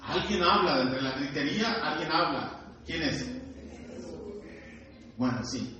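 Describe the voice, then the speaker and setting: A man's voice: on the high side, slow, a crowd in the background. A man preaching a sermon, firing rhetorical questions at the congregation and acting out screams. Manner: animated, acts out screams. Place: church hall. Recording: very echoey, distant, dull hall recording.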